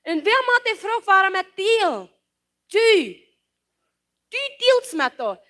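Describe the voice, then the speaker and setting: Woman preacher, very high and animated, emphatic and repetitive, mixes in English. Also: takes it slowly. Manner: impassioned, emphatic preaching with repeated phrases; mixes English words into her speech. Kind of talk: sermon.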